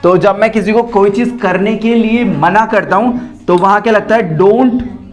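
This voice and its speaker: Amid household noise, a man with a high-pitched voice teaches English at normal speed in a relaxed home lesson. His Indian English blends with Hindi, is full of fillers, and he repeats example sentences one word at a time.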